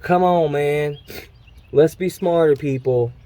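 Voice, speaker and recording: A man chatting casually while working on a truck outdoors, animated and full of slang. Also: fairly high pitch, takes it slowly. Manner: animated, slangy, says "man" and "bro" a lot. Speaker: vlogger working on his brother's truck.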